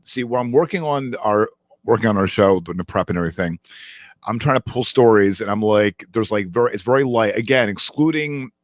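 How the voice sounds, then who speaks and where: A man co-hosting a casual tech news podcast, halting with many ums and restarts as he goes through the week's stories. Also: fairly low pitch, no room sound, studio quality. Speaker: podcast co-host.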